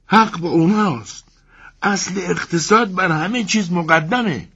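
A man voicing a calm, pompous man swallowed by a crocodile, speaking in a steady, lecturing way with a muffled, distant sound. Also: high-pitched, vocal fry, husky, voice pushed up, heavily acted. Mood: composed.

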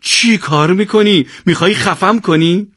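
A man voicing a humble, gentle young male fighter who is wounded. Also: sits high, dry recording, studio quality, pitched above the performer's own voice. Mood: teasing.

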